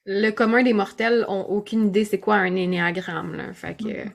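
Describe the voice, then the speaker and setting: A woman co-hosting a podcast in a relaxed, loose way. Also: medium pitch, moderate pace, gravelly. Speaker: podcast co-host. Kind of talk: casual chat.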